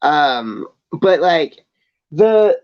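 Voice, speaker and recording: A man's voice: on the high side, very animated, very slow. Rambling man chatting about old albums. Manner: rambling, restarts and storytelling asides. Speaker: podcast co-host. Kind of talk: casual chat. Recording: slightly dull lo-fi podcast audio.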